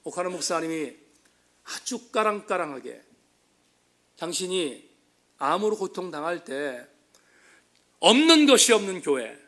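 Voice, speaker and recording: A man preaching an impassioned sermon as a pastor in a church, building to loud emphatic peaks. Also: high voice, big pitch swings, normal speed, pauses often. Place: church sanctuary.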